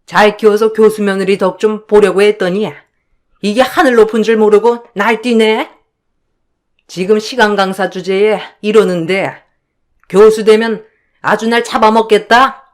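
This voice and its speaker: A woman doing a snobbish older mother-in-law in a read-aloud drama story, sneering and contemptuous, talking slowly and deliberately so each insult lands. the scorn sits in every line. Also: mid-range voice, fairly even intonation, lightly acted.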